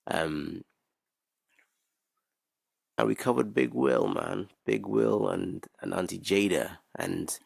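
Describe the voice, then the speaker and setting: A man's voice: deep voice, sing-song, slow, gravelly, long pauses, a little mellow, no room sound. A man, bantering cockily in street slang and swearing as a podcast host. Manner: cocky, swearing.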